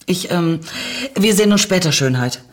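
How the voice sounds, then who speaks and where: A woman voicing a nervous, smitten young woman who stammers, with a husky voice. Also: fairly low pitch, animated, normal speed, voice pushed up. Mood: flustered. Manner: stammering, flustered.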